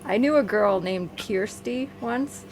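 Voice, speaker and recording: A woman's voice: medium pitch, slow pace, crowd noise. A young woman co-hosting a casual podcast chat, teasing and laughing a lot. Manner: giggly, teasing, animated. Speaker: podcast co-host. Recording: noisy recording with clicks.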